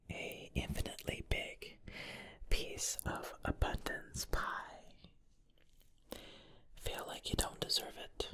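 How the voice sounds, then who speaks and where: A whispered ASMR pep talk of affirmations, delivered with playful, tongue-in-cheek encouragement in a breathy voice. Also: bright, forceful tone. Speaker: ASMR host.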